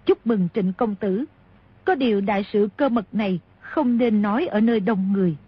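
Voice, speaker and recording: A woman's voice: medium pitch, moderate pace, husky, no echo. A woman voicing a composed, cautious Buddhist nun. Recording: dull lo-fi audio.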